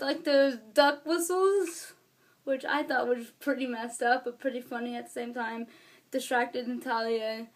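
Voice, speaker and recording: High-voiced woman rambling through a review. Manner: rambling, apologizes for being all over the place; chatty with many fillers. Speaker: wrestling show reviewer. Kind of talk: casual vlog review.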